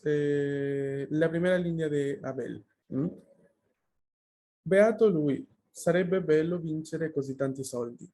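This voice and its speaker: A man's voice: on the high side, warm tone. A man teaching a language class over a video call, explaining patiently with frequent fillers and checking questions.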